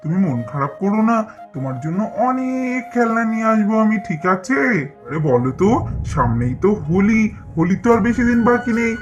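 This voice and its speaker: Brief: gentle, soothing cartoon father, voiced by a performer, coaxing a child over the phone; faint music under him. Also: medium pitch, sing-song, a little fast, lo-fi sound, close to an everyday voice.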